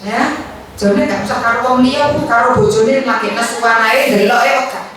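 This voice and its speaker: A woman's voice: fairly high pitch, steady tone, normal speed, fairly bright tone. A woman with a Javanese accent teaching an Islamic study session, chatty, acting out little dialogues and mixing in Javanese phrases. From Indonesia. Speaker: religious teacher. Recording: echoey hall, far mic, faint noise.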